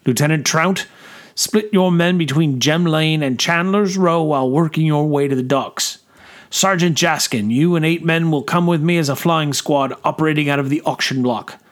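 A man's voice: on the high side, normal speed, few pauses, natural voice. A man voicing a commanding scarred major. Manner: firm, clipped orders. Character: battle-scarred male major, commanding and decisive. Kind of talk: audiobook character voice.

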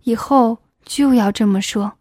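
A woman's voice: fairly high pitch, a little slow, darkish tone, dry recording, studio quality. A woman voicing a coaxing, lustful male official. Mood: lewd coaxing. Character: lustful male official, middle-aged, domineering.

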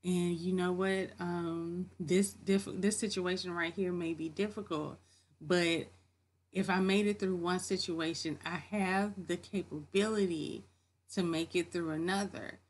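Woman faith vlogger, lowish voice, casual, encouraging, records from a home office. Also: fairly even intonation, measured pace. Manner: earnest, encouraging, repeats key phrases. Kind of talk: casual motivational talk to camera.

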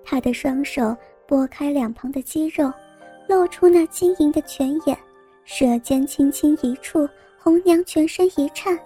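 High, mellow woman storyteller. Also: measured pace. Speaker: narrator. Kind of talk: scripted story narration. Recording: faint background music.

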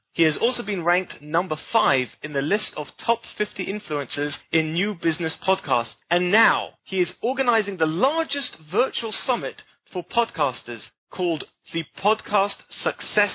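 A man hosting an interview podcast, eager and easily excited by his guest. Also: sits high, breathy edge, lo-fi sound. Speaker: podcast host.

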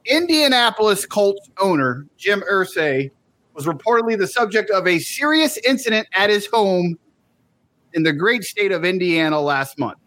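A man co-hosting a casual podcast, reading a news story aloud in a relaxed way. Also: sits high, moderate pace. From Alabama. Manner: reads news items aloud, eating dinner during the show. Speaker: podcast co-host.

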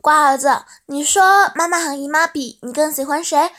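A woman reading the lines of an affectionate, teasing middle-aged mother in a soft, coaxing way. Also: high-pitched, moderate pace.

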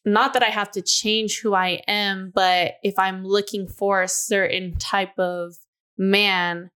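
She sounds smooth and a bit bright, her mid-range voice showing little pitch movement. As a podcast co-host in her twenties, she talks candidly in a casual chat, stretching her thoughts out loud with plenty of "like" and repeated "you know."

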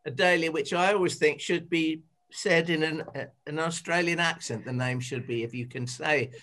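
A man's voice: fairly high pitch, normal speed, pushed and bright. A man in casual conversation who talks in a rambling, hesitant way with many fillers. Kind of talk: casual chat.

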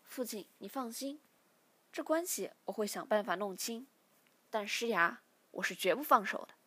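A woman's voice: a little high, expressive, moderate pace, fairly bright tone, slightly rough. A woman voicing a stubborn young man who answers his father firmly in a read-aloud novel. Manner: firm, defiant. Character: young male first-person hero, stubborn.

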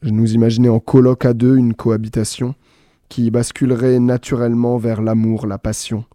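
A man's voice: mid-range voice, moderate pace, dry recording, studio quality. A man hosting a reading show, chatting casually with fillers before reading texts and his own poems. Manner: relaxed, hesitant fillers, reading aloud. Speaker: host reading books and poems.

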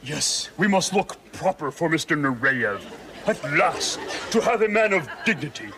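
Stuffy bossy eagle puppet, drill sergeant style orders, pitch all over, loud crowd and noise on old tv show. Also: male voice, big pitch swings, normal speed. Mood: stern, commanding. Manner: commanding drill-sergeant bark, pompous. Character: pompous, stern male eagle puppet, barking like a drill sergeant. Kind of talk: puppet comedy variety show. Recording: noisy old TV soundtrack with loud audience.

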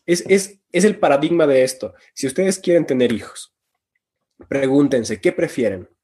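Brief: mid-pitched, husky man, panel guest, emphatic, argues through rhetorical questions. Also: lively intonation, moderate pace, mellow. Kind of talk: discussion talk.

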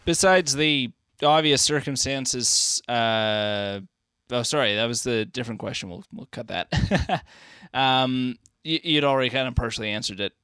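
Man, interviewer, smooth resonant voice, casual chat, long rambling questions. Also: medium pitch, a little slow, no echo, clean studio sound. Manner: relaxed, joking, asks long winding questions.

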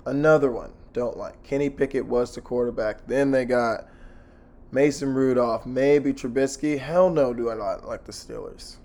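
A hoarse man hosting a casual sports betting podcast by himself, talking in a blunt, slangy, sweary way. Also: mid-range voice, normal speed, mellow.

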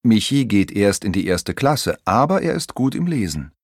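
A man narrating a children's audiobook in an expressive storytelling manner. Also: fairly low pitch, moderate pace, dry recording, clean studio sound.

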